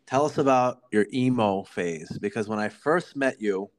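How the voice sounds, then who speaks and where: Low-voiced man hosting a casual podcast. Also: normal speed. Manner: informal, sweary, hype-man phrasing. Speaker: podcast host. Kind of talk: casual interview chat.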